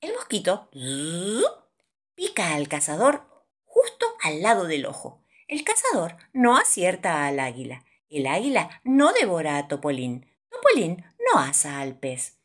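A woman reading a children's storybook aloud in a playful, animated way. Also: fairly low pitch, unhurried. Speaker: storybook narrator.

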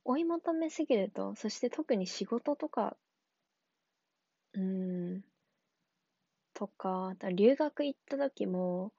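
A young adult woman talking casually on her own, relaxed and rambling, with many fillers and frequent laughs. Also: mid-range voice, slow, pauses often, breathy edge, no room sound, highs cut off. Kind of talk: casual solo talk.

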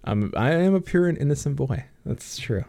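His voice is mid-range and darkish, very animated, delivered at a moderate pace in a dry recording. He's a young man co-hosting an easygoing gaming podcast via a computer mic on a voice call, and he giggles constantly, swears freely and uses a lot of fillers.

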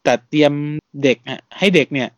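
A man hosting a casual podcast, talking in a relaxed, chatty way and laughing often. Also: on the high side, a little fast, dry recording, clean studio sound. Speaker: podcast host.

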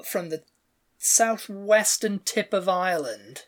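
A woman's voice: medium pitch, lively intonation, takes it slowly. A woman co-hosting a podcast, chatting casually and acting out the people she quotes, with many fillers. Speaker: podcast co-host. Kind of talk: casual chat reacting to comments.

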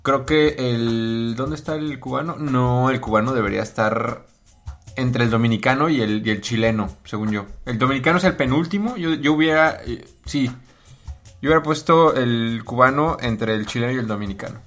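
A man hosts a live radio chat, teasing his co-host with playful questions in a relaxed, easygoing way. His voice sits at a middle pitch, and faint music runs underneath. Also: normal speed. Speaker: radio show host, voice actor and narrator.

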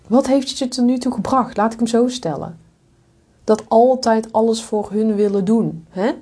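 A woman's voice: mid-range voice, darkish tone. A woman hosting a podcast, giving frank, blunt motivational advice and slipping in swear words and English asides. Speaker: podcast host and coach. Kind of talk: direct motivational monologue.

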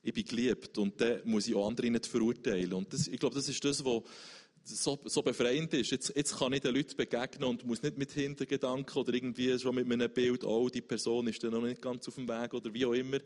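A man tells his faith story as an interview guest, talking earnestly and often restarting his sentences to find the right words. His voice sits at an ordinary middle pitch. A long hall reverb trails after his words. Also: steady tone, fairly quick, darkish tone. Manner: earnest, searching, many restarts.

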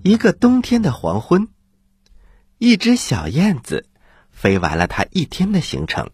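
A man hosting and narrating stories for children in an animated, husky voice. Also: fairly high pitch, unhurried, dry recording, studio quality, faint music behind. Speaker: children's storyteller, host.

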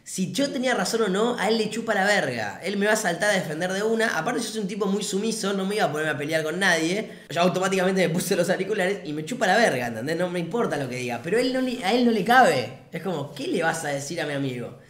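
A man's voice: sits high, expressive, quick pace, hardly any pauses, fairly bright tone. A young man with a Rioplatense Spanish accent, telling a casual anecdote in a laid-back, slangy and profane way. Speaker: vlogger. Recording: echoey room.

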